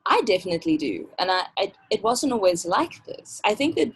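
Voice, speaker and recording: A woman from Malawi, a music festival curator, speaking as a guest in a casual interview. She talks in a thoughtful, measured way over a video call. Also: medium pitch, big pitch swings, breathy edge.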